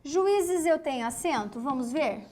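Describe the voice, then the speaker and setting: A Brazilian woman teaches an online grammar lesson slowly and emphatically, posing questions and answering them herself and spelling words out syllable by syllable. Her voice is high, animated, and a little mellow.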